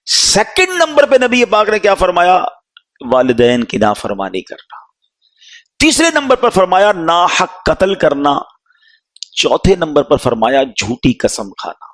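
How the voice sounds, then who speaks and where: Impassioned male preacher, lively pitch. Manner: impassioned, pleading, dramatic storytelling. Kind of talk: sermon.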